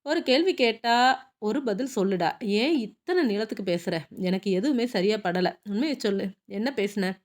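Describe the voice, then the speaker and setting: A woman's voice: mid-range voice, animated, unhurried, close to an everyday voice. A woman reading the lines of a stern, impatient male film director in a Tamil audiobook. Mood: scolding. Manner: brusque, scolding.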